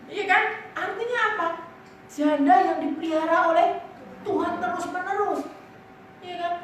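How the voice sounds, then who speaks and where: A woman pastor preaching in a lively, chatty way, telling personal stories and often asking the congregation to agree. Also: sits high, slight background noise. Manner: lively storytelling, keeps asking the congregation "right?"; casual and chatty, often laughing as she tells stories. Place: church. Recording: echoey church hall from a distant mic.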